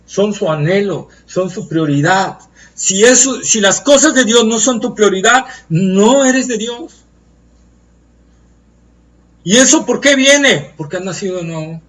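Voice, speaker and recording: Male preacher, high-pitched, earnest and emphatic, recorded at a distance. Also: lively intonation, fairly bright tone. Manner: earnest, emphatic, slows to stress key phrases. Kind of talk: Bible study sermon.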